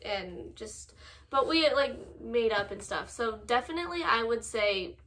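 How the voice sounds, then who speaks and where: Bright, high-voiced young woman chatting casually. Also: animated, a little hiss or hum. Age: young adult. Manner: halting, informal, filler-heavy. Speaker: co-host reading viewer confessions and giving advice. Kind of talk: casual chat, reading messages aloud and commenting. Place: small room at home, indoors.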